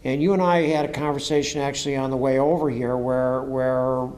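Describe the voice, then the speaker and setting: A man's voice: mid-range voice, steady tone, brisk, darkish tone. Man interviewing, keen and wordy. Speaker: interviewer and sports coach. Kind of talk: conversational interview.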